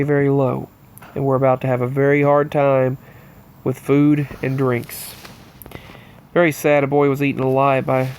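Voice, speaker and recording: A channel host with a medium-pitched, creaky and slightly mellow voice, stuffed up from allergies, delivers a loose, earnest monologue working through a list of strange news. A faint hiss or hum runs under the recording.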